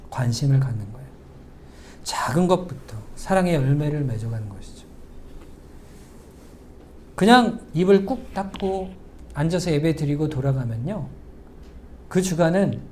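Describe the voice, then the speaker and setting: A middle-aged male pastor giving a sermon in a church, talking conversationally, asking the congregation questions and slowing to a near whisper for emphasis. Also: a little high, darkish tone, slight background noise. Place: church sanctuary.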